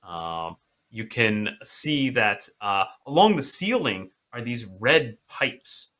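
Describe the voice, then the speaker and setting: Guy running a spooky tabletop game, bright voice, keeps restarting his sentences with lots of uhs. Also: mid-range voice, very animated. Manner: halting, many restarts and fillers. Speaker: game master. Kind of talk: narrating a horror tabletop game.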